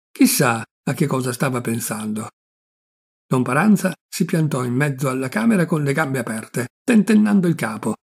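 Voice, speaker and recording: A man narrating a classic short story in a measured, expressive reading. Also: mid-range voice, vocal fry, breathy edge. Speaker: audiobook reader. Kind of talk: literary narration.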